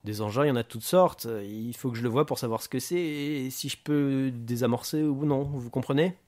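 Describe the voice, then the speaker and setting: A man voicing a calm, laconic male police detective in an audiobook reading, speaking in a dry, understated way. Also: medium pitch, normal speed, lightly acted.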